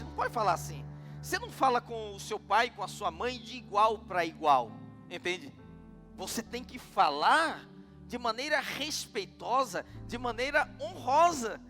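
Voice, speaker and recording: A man's voice: very high-pitched, animated, normal speed, pushed and bright, in a large hall, soft background music. A middle-aged man with a Brazilian Portuguese accent preaching a sermon, telling stories and asking the congregation questions. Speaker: pastor.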